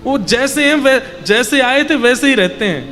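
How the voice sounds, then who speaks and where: A man delivers a devotional sermon in a high, bright register, shifting his tone to act out the story's voices and pressing home his points with repeated phrases. His voice rings with long hall reverb, and loud devotional music plays beneath him. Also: a little slow. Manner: acts out child and mother voices in the story, lively. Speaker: Bhagavat katha preacher.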